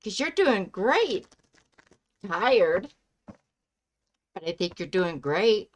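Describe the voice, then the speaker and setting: A woman chatting casually as a live stream host, speaking in a halting way with pauses mid-sentence. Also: mid-range voice, very animated. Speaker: live stream host giving psychic love readings.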